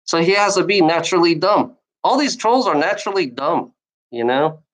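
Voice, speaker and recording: A stuttering woman livestreamer, her voice on the low side and animated, rants at chat trolls at a moderate pace. She rambles, repeats herself, restarts phrases, and swears, all captured on a rough recording.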